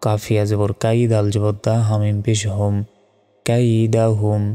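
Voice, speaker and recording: Deep-voiced man teaching Quran recitation. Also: monotone, mellow, smooth, long reverb tail, soft background music. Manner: spells out Arabic syllables slowly and patiently; chants Quranic verses slowly and melodically. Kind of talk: step-by-step recitation lesson.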